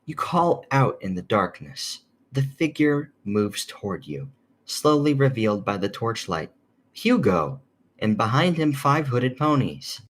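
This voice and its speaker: A man narrating a second-person audio fanfic in a calm, measured reading. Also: medium pitch.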